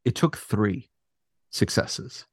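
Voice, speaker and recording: A man narrating a tabletop game as game master, setting scenes in a dramatic, deliberate way. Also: fairly low pitch, expressive, breathy edge, no room sound.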